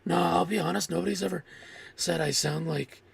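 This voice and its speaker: A man streaming a game in casual chat, with a gravelly, smoker-like voice and a laid-back, offhand way of talking. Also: on the high side, fairly even intonation, fairly quick. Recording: clear background noise.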